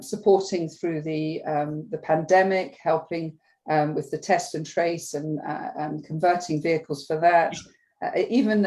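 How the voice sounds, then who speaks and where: A woman hosts a live business chat in a fairly low, mellow voice. She sounds eager and enthusiastic, pausing often with ums as she builds her thoughts. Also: low-quality recording. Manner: enthusiastic, hesitant with many ums. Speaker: host.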